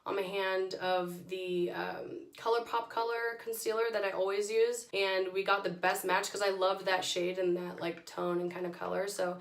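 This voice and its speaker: A hoarse woman with her voice nearly gone, giving a chatty, informal product review as a beauty vlogger. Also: mid-range voice, little pitch movement, normal speed, few pauses. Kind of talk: casual product review to camera. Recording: echoey room.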